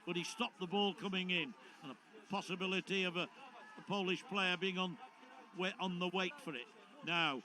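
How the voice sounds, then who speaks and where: High, bright-voiced football commentator. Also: male voice. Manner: builds to excited shouting in tense moments. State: out of breath. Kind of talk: live play-by-play commentary.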